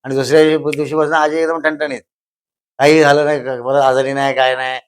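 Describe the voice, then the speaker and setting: An older man, telling stories at a slow pace and repeating phrases for emphasis. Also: a little high, little pitch movement, clean tone. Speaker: guest, host's father. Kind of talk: casual storytelling.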